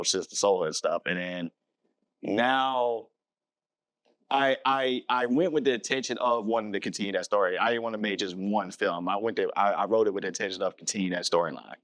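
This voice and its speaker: A man's voice: lowish voice, fairly bright tone, no echo. A man from the US South, a filmmaker guest chatting on a podcast, rambling and self-correcting with easy laughs. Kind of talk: casual podcast interview.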